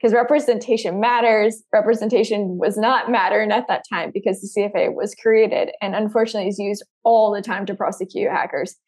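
A woman's voice: medium pitch, fairly even intonation, a little fast, hardly any pauses, darkish tone, husky. American woman explaining at length. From United States. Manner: explains at length with examples, laughs often. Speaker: guest, security researcher. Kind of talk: casual interview talk.

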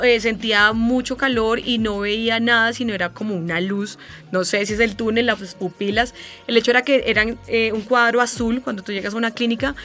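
Bright-voiced Colombian woman telling her story. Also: fairly high pitch. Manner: animated storyteller, imitates sounds and voices. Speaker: radio host. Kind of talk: emotional personal interview.

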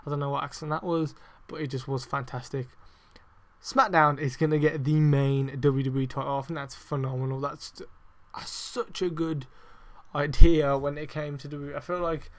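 This podcast host, a man with a voice on the high side, reviews wrestling casually at a moderate pace. His talk wanders, stuffed with fillers and heavy swearing, and he turns excitable and emphatic.

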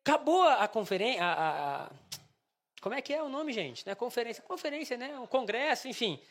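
A young man preaching, telling a funny personal story with lively acted dialogue. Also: very high-pitched, a little fast. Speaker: pastor. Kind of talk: sermon with storytelling.

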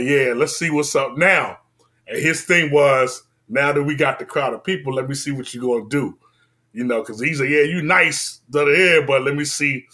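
Laid-back man from D.C. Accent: Washington, D.C. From Washington, D.C. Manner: laid-back and animated, slangy, drifts between loud and low. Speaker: rapper and engineer telling his story. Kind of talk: casual storytelling interview.

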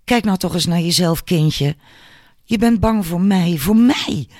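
A man's voice: high-pitched, measured pace, darkish tone, dry recording, studio quality, voice pushed up. A man voicing an apparition of a mother who wheedles and pleads in a cloying way. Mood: pleading.

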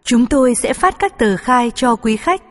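A woman's voice: fairly high pitch, expressive, moderate pace. A woman speaking as a flight attendant, reading formal, polite scripted in-flight announcements. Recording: long hall-like reverb.

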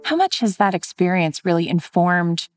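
A woman's voice: on the low side, expressive, moderate pace, faint music behind. A woman hosting an interview, asking engaged and encouraging questions. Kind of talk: conversational interview.

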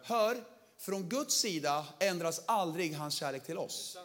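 Guy preaching, pretty high voice, fired up and playful, yells at the crowd sometimes. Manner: energetic, shouts to rouse the audience, playful slang. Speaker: pastor. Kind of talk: lively sermon to a large crowd.

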